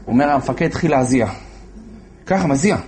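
Preaching in a lively manner, a medium-pitched man recounts a religious story, giving the characters their own voices as he performs it.

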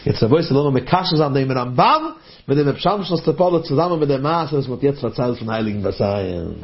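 A man preaching a sermon in a singsong, animated way, telling a story and leaping in pitch. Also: quick pace. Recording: dull recording with faint hum.

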